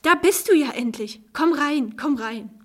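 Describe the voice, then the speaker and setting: A woman voicing an excitable party hostess in a storybook, shrieking and bossy. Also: sits high, unhurried, voice pushed up. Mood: thrilled.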